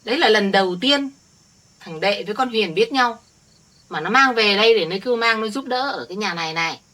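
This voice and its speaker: Playing an older village woman standing up for her family, a middle-aged actress insists with earnest conviction that her version is the truth. Her mid-range voice is animated, pushed and bright, moving a little fast in this village family drama.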